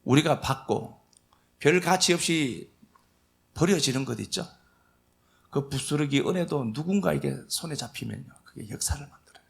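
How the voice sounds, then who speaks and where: A man preaching a sermon as pastor, telling the story vividly and swinging between loud emphasis and soft asides. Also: a little high, normal speed, creaky, pauses often. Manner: lively storytelling, acting out dialogue.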